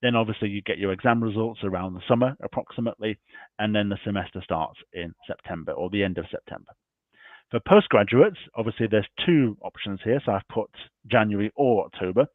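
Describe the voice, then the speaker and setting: Briskly, a man with a lowish voice covers university admissions in an online session, working through his slides point by point while his voice wears out. The call audio is dry and tinny, without room sound.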